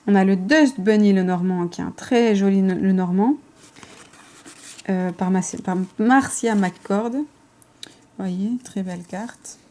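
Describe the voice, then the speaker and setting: A woman's voice: mid-range voice, warm tone. A woman, casually showing her card collection, chatty and hesitant with fillers and self-corrections. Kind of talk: casual show-and-tell.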